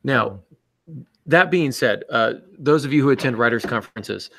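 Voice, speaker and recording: A man with a mid-range, expressive voice speaks at a moderate pace, a bit bright with some vocal fry and no room sound. A podcast co-host and writer, he gives advice casually but bluntly and emphatically, acting out little exchanges as he goes.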